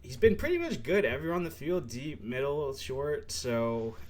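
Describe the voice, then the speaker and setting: A man's voice: medium pitch, sing-song, normal speed, darkish tone. A young man co-hosting a sports podcast, chatting casually and rambling with lots of fillers and laughs. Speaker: podcast co-host.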